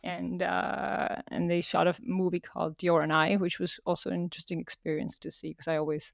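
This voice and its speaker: A woman's voice: fairly low pitch, little pitch movement, brisk, vocal fry, dry recording, studio quality. A woman from Estonia, a podcast guest telling stories in casual talk and laughing often.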